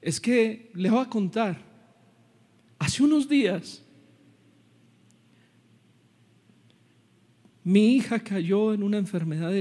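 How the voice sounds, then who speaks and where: A man voicing a distraught male car dealership manager, who pleads in a high, strained voice. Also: mellow. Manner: pleading, high-pitched and choked.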